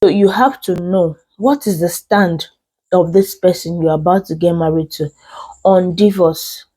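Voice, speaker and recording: A woman's voice: lowish voice, a little slow, mellow, husky, low-quality recording. A woman with a Nigerian accent and a congested, unwell voice hosts casual relationship advice, speaking emphatically with repeated phrases and posed questions. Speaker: host.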